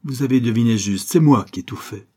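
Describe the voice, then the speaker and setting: A cynical, vengeful banker spits scorn and threats in a raspy voice, voiced by a man. The tone is dark and husky, and it rises sharply when he loses his temper. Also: on the low side, lively intonation, normal speed. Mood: furious. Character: cynical, vengeful middle-aged male banker villain.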